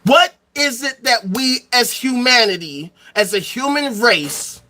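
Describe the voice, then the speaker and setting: This political commentary streamer speaks slowly in a very high-pitched, animated, pushed and bright voice. Working from a reference text he reads aloud, he rants passionately to his viewers alone, hurling rhetorical question after rhetorical question with flashes of swearing.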